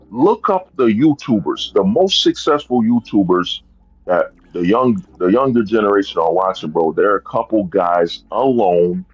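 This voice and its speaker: A man in his thirties hosts a livestream with a fairly low, husky voice, ranting casually and rambling, constantly saying "bro" and "you know what I'm saying." The highs in the audio are cut off.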